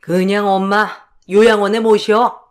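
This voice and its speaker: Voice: mid-range voice, little pitch movement, a little slow, clear, resonant tone, lightly acted. A voice actor playing a harsh older mother-in-law who sides with her son in a radio drama. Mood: dismissive. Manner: bossy, dismissive.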